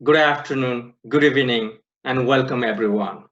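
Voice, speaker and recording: A man from Nepal, president of an organization, giving a slow, earnest prepared welcome speech to an online conference. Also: mid-range voice, fairly bright tone. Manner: slow, deliberate, earnest delivery. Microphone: video call. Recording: dull lo-fi online conference audio.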